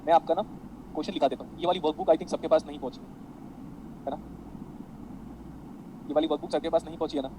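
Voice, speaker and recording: A man's voice: a little high, fairly even intonation, fast, pauses often, background noise. A man teaching an online electronics class, mixing Hindi and English and calling his students "beta".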